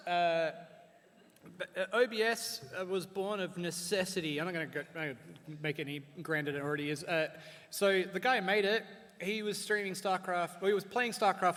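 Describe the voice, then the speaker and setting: A man's voice: high-pitched, brisk, bright, forceful tone. A man presenting a live convention panel, chatty and full of fillers while eating spicy chips. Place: large convention hall. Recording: echoey convention hall.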